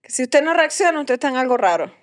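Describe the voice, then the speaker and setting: A Venezuelan woman co-hosting a podcast, chatting casually and tossing in quick joking remarks. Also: high voice, very animated. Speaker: podcast co-host. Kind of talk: casual chat.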